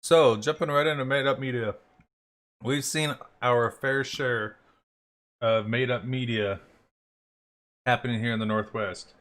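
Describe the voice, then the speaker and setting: A man hosting a livestream, talking in a relaxed, unscripted way at a mid-range pitch. His sentences wander and restart, full of "like" and "uh", as he greets viewers and shares opinions. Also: measured pace, long pauses. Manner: conversational, loose phrasing with fillers. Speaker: livestream host. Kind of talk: casual livestream commentary.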